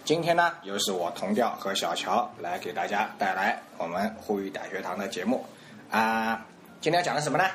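A man's voice: on the low side, animated, fairly quick, a bit bright, a little hiss or hum. A man hosting a casual radio language lesson, coaching pronunciation and laughing often. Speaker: dialect teacher and host.

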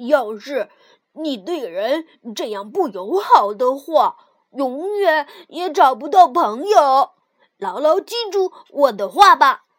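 A woman voicing a sulky little frog who scolds in a loud, indignant way. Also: high-pitched, big pitch swings, moderate pace, hardly any pauses. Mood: scolding.

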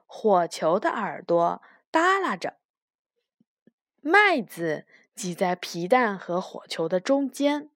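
A woman reading a children's picture book aloud with gentle, expressive narration. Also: medium pitch, dry recording, clean studio sound. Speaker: children's storyteller.

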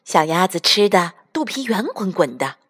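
A woman, a mother, reading a children's storybook aloud in a slow, expressive way. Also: fairly low pitch, slightly rough.

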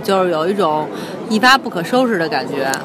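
A woman's voice: fairly low pitch, big pitch swings, a little fast, noisy background. A young woman with a Beijing accent talking casually as a podcast co-host. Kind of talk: casual chat.

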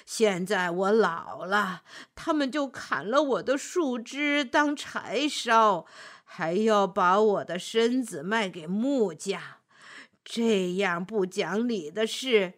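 A woman voicing an aggrieved old apricot tree in a storybook, slow and mournful. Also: medium pitch, a bit bright.

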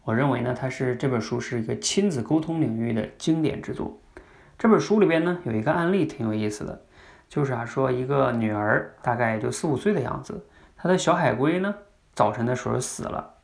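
A man's voice: medium pitch, expressive, brisk, gravelly. A man hosting a podcast lesson in a chatty, conversational way, often asking listeners questions. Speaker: podcast host. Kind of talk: casual spoken lesson.

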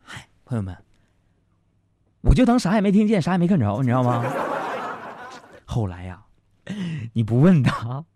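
A man's voice: mid-range voice, very animated, normal speed, pauses often, background noise. A man hosting a radio show, telling comic stories about his marriage in a chatty, joking manner, speaking straight to his listeners. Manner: chatty, jokey, addresses listeners directly. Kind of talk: comic monologue.

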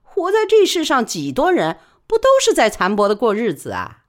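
A woman storyteller voicing a determined, spirited working-class woman who talks fast in a Wuhan dialect. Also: fairly high pitch, wildly swooping pitch, very noisy, pitched above the performer's own voice. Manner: quick, bright, stubborn.

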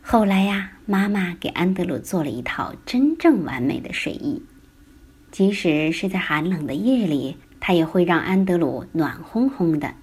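A woman storyteller narrating a bedtime story, gently addressing small children. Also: on the low side, expressive, moderate pace, breathy edge.

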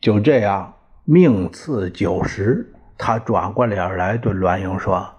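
A man's voice: on the low side, slow pace, darkish tone, husky. A man narrating a historical novel as a storyteller, in a colloquial, leisurely way with wry asides. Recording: dull lo-fi recording.

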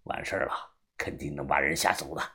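Deep cold old boss guy, slow and heavy, narrator putting him on. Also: fairly even intonation, creaky, bright, forceful tone, husky, heavily acted. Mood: stern. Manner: slow, low, grave. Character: stern old male asylum boss, cold and commanding.

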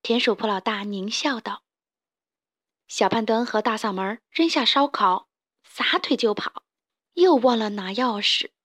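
A woman storyteller reading a children's story aloud in a gentle, expressive way. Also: on the high side, a little slow, dry recording, clean studio sound. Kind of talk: scripted storybook narration.

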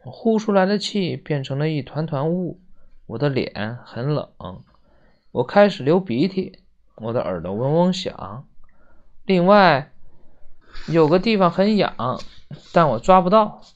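Brief: unhurried storybook reader, very animated delivery, dull lo-fi recording. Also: mid-range voice. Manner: slow, expressive reading with many voices. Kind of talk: reading a children's book aloud.

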